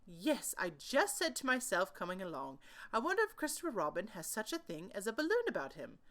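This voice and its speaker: A woman's voice: mid-range voice, wildly swooping pitch, fairly quick, a bit bright. A woman voicing an earnest, simple-minded, honey-loving male bear in a children's storybook, pondering aloud in an emphatic, sing-song way. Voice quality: growly.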